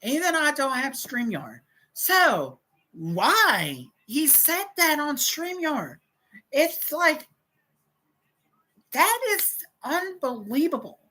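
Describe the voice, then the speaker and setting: A woman's voice: high-pitched, very animated, takes it slowly, bright, forceful tone, a little hiss or hum, rough recording. A woman hosting a livestream, telling a rambling story with lots of repetition and cursing. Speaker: livestream host.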